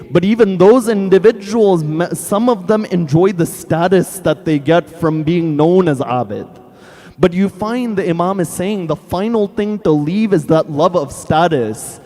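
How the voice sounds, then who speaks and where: A man preaching a devotional sermon in an earnest, measured way, with long pauses. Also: high voice, dark tone. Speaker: Islamic preacher. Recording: long hall reverb.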